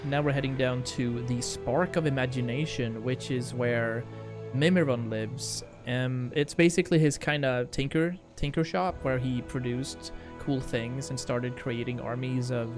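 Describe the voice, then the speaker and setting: An unhurried, medium-pitched male voice. This gamer host is livestreaming a video game, talking in a casual, slangy way with viewers while playing, over game music.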